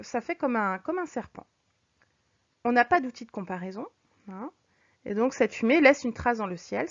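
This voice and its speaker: Woman teacher on a dull lo-fi recording. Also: on the high side. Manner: explains patiently, reads examples slowly and clearly. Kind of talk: recorded French lesson.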